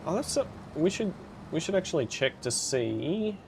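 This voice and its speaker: A man's voice: on the high side, sing-song, normal speed, creaky, slight background noise. A man streaming a game live, chatting casually with viewers and reacting with upbeat exclamations.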